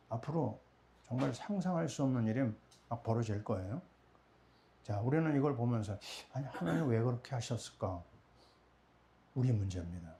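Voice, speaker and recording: Middle-aged man preaching a mellow sermon. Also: medium pitch. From Korea. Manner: rhetorical questions answered himself. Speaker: pastor.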